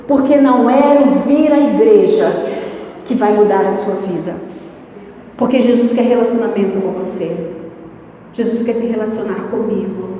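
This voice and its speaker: High-voiced Brazilian woman preaching in echoey hall. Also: recorded from a distance, a little hiss or hum. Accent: Brazilian Portuguese. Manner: lively, questions the congregation and acts out voices. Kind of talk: sermon. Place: church hall.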